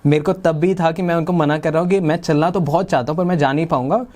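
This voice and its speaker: A young man with a Delhi Hindi accent hosts a podcast and tells a personal story. His voice sits a little high for a man, and he slips into the voices of the people he quotes. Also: fairly even intonation, quick pace, a little mellow. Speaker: podcast host.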